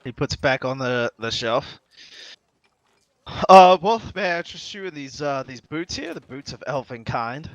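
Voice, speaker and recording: A man narrates a tabletop game as its game master. He pauses often on fillers and laughs between lines. His voice sits at a middle pitch, recorded dry and close. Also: expressive, no echo, dull audio.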